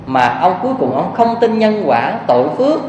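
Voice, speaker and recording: A man's voice: high voice, sing-song, normal speed, darkish tone, highs cut off. A man voicing a compassionate bodhisattva who solemnly admonishes an old man from the sky. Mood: solemn admonishing. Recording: echoey hall, faint hiss.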